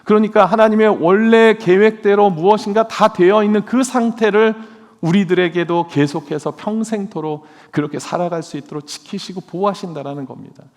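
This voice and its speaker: A man's voice: high-pitched, fairly quick. A male pastor preaching a sermon in a church, earnestly asking his congregation questions. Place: church sanctuary. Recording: long church hall reverb.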